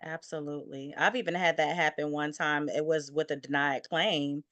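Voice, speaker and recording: A woman working as an insurance claims adjuster, giving steady advice as an interview guest and often saying "you know". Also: deep voice, normal speed, dry recording. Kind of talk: interview conversation.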